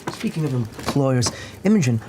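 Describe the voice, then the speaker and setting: Man playing a lively, polite, shrewd adventurer. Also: mid-range voice, normal speed, background noise, close to an everyday voice. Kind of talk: improvised tabletop role-play.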